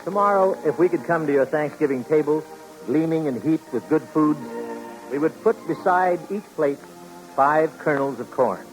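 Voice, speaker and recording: A man's voice: a little high, normal speed, rough recording. A man announcing contest winners and a holiday sign-off in a formal style, heard as an old radio show broadcast. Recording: vintage radio broadcast with faint music.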